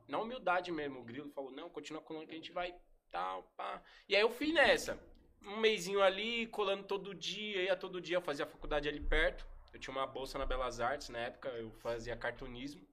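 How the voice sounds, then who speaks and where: Bright-voiced São man telling stories. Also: fairly high pitch, fairly quick. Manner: slangy, relaxed, recounts events at length. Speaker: podcast guest, breakdancer. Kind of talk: casual storytelling.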